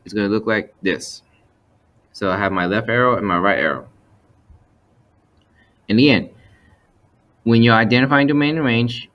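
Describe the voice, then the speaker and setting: Male instructor, average pitch, step-by-step explanatory screen-lesson narration with methodical repetition. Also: fairly bright tone. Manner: methodical, explanatory, repeats points. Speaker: math teacher. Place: voice-over for a screen recording.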